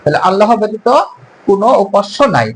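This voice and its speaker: High-voiced man teaching pronunciation slowly. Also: animated, slight background noise, low-quality recording. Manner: slow, careful, drawn-out syllables when modelling sounds. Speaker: Arabic teacher. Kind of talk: pronunciation lesson.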